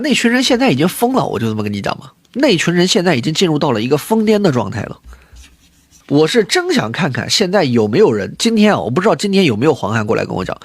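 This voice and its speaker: Fast, husky man ranting on a livestream. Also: fairly high pitch, no room sound. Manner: excited, ranting, repeats himself. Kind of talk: livestream rant.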